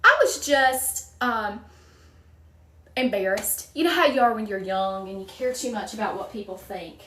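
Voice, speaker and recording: The recording is echoey and distant with slight background noise, carrying a medium-pitched, somewhat bright voice at a moderate pace. It belongs to a Southern woman in her forties from a small Virginia town who makes wreaths on a livestream, casually greeting viewers by name.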